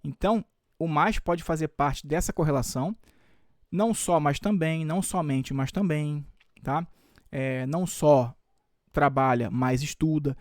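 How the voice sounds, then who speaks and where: A Brazilian Portuguese teacher, a man, walks his students through exam questions one step at a time. He keeps checking in with them as he goes. His voice sits a touch high and sounds dry and close to the mic. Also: unhurried, no room sound. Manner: explains step by step with frequent check-ins like "tá?" and "tudo bem?". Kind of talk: exam-prep video lesson.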